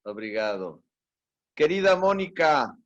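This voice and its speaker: Guy running an online workshop, talks slow, kinda high voice, greets everyone. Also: sing-song, muffled recording. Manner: warm greetings, unhurried. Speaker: workshop host and teacher. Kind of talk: welcoming participants on a video call. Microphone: video call.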